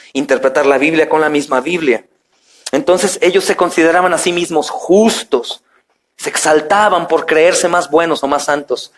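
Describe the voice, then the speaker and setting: A middle-aged pastor delivers a sermon, his phrases rising and falling with emphasis as he turns again and again to the congregation. His voice sits a little high for a man. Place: church sanctuary.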